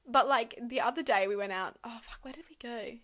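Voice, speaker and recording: A woman's voice: a little high, fairly quick, a bit bright. A young woman co-hosting a podcast, chatting casually and animatedly, with plenty of swearing. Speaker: podcast co-host. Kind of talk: casual chat.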